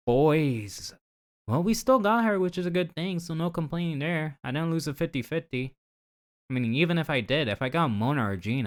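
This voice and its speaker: Over background game music, this streamer jokes around with his audience as he loosely narrates his gameplay live. His voice sits in the middle range.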